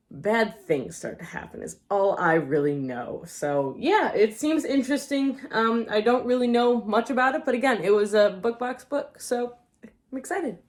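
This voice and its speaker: A book vlogger with a medium-pitched voice chats casually through a book haul for her channel. Her voice is wearing thin and she's losing it, rambling, hedging and second-guessing details as she goes.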